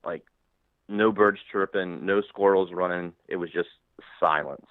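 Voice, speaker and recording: A man calling in to a paranormal talk show, telling his story haltingly with a slight lisp from a broken front tooth. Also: sits low, steady tone, no room sound. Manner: halting, repeats words, restarts. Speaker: caller. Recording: tinny phone line.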